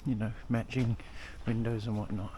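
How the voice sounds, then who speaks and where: A man's voice: fairly low pitch, level tone, normal speed, mellow. Rambling Australian man on a street walk. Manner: rambling, laid-back, swears casually. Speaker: travel vlogger. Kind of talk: casual rambling walk-and-talk. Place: outdoors, old-town streets. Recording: clear street and traffic noise.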